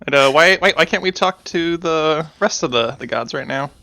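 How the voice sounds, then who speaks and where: A man playing a tabletop game, speaking hesitantly with many halting fillers. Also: on the high side, vocal fry, heavy background noise. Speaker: player. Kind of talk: casual tabletop play.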